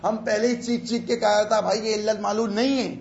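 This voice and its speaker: A man teaching a class, reading Arabic phrases slowly and explaining them in a chatty, teasing way. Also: high voice, flat delivery, slight background noise. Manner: chatty, teasing asides to students. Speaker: teacher of religious law. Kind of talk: lecture explaining an Arabic text. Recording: echoey, dull room recording.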